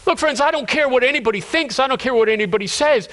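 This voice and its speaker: High-voiced impassioned male preacher. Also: bright, forceful tone. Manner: impassioned, rising to high cries then dropping low and slow; repeats and restarts words while preaching. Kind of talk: sermon.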